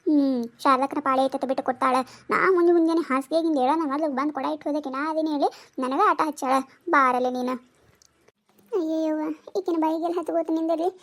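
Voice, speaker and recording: A woman's voice: high voice, fairly even intonation, quick pace, pitched below the performer's own voice, natural voice. A woman voicing a cranky old village woman in a cartoon, scolding and cursing in a North Karnataka accent. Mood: grumbling. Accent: North Karnataka Kannada. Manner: scolding, abusive muttering. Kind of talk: cartoon voice acting.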